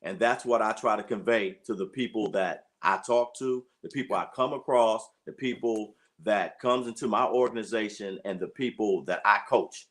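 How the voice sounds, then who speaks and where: A man's voice: lowish voice, moderate pace, few pauses. A man in his late fifties, a track and field coach, talking earnestly in an interview and often saying "you know". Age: 50s. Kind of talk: conversational interview.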